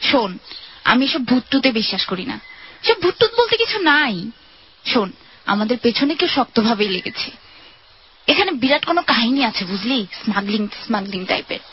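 Actress as a skeptical, high-voiced young woman. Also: sing-song, fairly quick, a little hiss or hum. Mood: insistent. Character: skeptical, outspoken young woman suspecting a conspiracy. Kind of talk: audio drama dialogue. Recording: muffled lo-fi, music behind.

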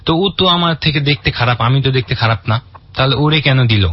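A man's voice: mid-range voice, brisk, lo-fi sound. A young man from in Bangladesh, casually telling a long personal story with many fillers and restarts. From Barishal, Bangladesh. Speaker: guest telling his story.

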